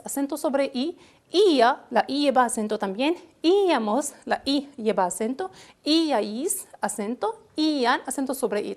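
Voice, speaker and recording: A woman from Morocco teaching a televised Spanish grammar lesson, reciting verb conjugations slowly and deliberately with small fillers. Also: sits high.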